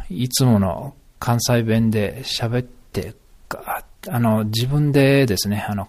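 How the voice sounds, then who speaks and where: A man's voice: mid-range voice, darkish tone. A middle-aged man musing aloud in a solo podcast monologue, rambling with many fillers and self-corrections.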